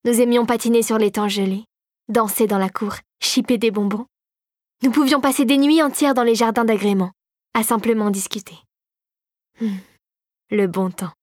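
Lady reading out a soft confiding fairy regent lady, storybook voice, bit high, dry sound. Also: fairly even intonation, normal speed, pauses often, no room sound, close to an everyday voice. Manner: gentle and confiding. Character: warm conspiratorial adult female regent of a magic realm.

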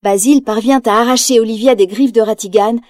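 A woman narrating a children's storybook aloud, lively and expressive. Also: fairly high pitch, fairly quick, no echo, clean studio sound. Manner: lively, acts out quotes in raised voice.

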